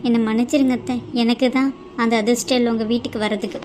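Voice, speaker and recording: A kind young cartoon bride who soothes her elders, voiced by a woman. Her voice is fairly high and soft. A faint ambient hiss sits behind it. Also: steady tone, fast, natural voice. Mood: reassuring. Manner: soft, reassuring. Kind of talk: cartoon voice acting.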